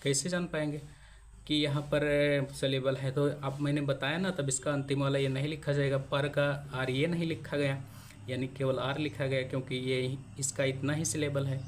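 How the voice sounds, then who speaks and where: A man teaching how to spell names in English, explaining step by step as he writes, with pauses while he works. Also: medium pitch, level tone, a little hiss or hum. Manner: slow, explaining step by step while writing on a board. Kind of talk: spoken lesson on spelling Hindi names in English.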